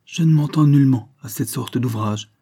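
A man voicing a timid, gentle young noble wife who speaks softly and apologetically. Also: medium pitch, moderate pace, husky, voice pushed up. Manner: soft and apologetic.

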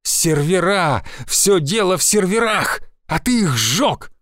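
A furious, foul-mouthed woman gang boss in an audiobook, yelling and cursing, as a male narrator raises his voice for her. Her lines come out pitched high and loud, in a dry, close sound. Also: big pitch swings, moderate pace, no echo. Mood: indignant. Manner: shouting, swearing, indignant.

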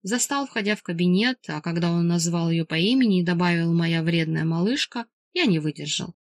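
A woman narrating a novel in the first person with steady storytelling. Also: lowish voice, fairly quick, no echo, clean studio sound. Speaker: audiobook narrator.

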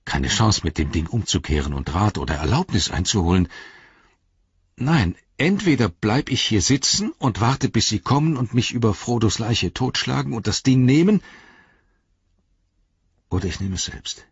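A loyal young hobbit servant in anguish, pleading and arguing with himself, as a male reader puts him on. The voice rises high and strained over a very husky grain. The audiobook recording is dry and dull. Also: expressive, normal speed, pauses often, no room sound, full character voice. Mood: resolving.

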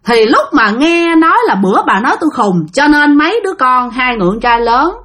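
A woman's voice: high-pitched, sing-song, brisk, fairly bright tone. A woman narrating a ghost story in a chatty way, often speaking straight to her listeners. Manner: chatty, addresses listeners directly.

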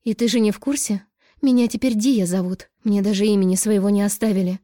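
A woman's voice: mid-range voice, steady tone, brisk, mellow, dry recording, clean studio sound, voice pushed up, close to an everyday voice. A woman voicing a tearful, bitter young woman who speaks sharply, on the verge of tears.

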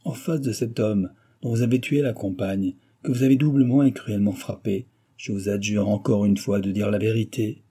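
A man's voice: on the low side, steady tone, normal speed, hardly any pauses, warm tone, breathy edge. A man voicing a stern judge presiding over a trial, speaking formally. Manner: formal, solemn. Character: stern older male court judge.

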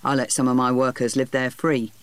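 A man doing a gruff old self-made boss. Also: mid-range voice, level tone, brisk, no room sound, natural voice. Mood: matter-of-fact. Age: older. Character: older blunt self-made male boss.

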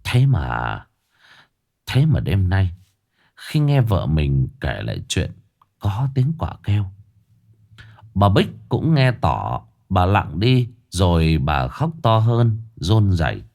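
Low-voiced storyteller. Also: male voice, wildly swooping pitch, takes it slowly, gravelly, darkish tone. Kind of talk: ghost story narration.

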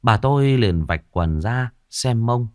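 A man narrating a ghost story in an expressive storytelling manner. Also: mid-range voice, takes it slowly, dry recording, studio quality.

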